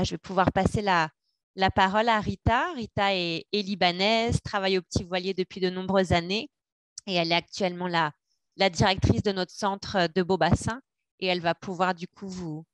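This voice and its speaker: A woman's voice: lowish voice, fairly even intonation, moderate pace, no room sound. Woman walking through slides on a webinar, kinda hesitant, lots of euh, dry sound. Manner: hesitant, with frequent fillers. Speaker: webinar presenter. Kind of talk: presentation on a webinar. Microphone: video call.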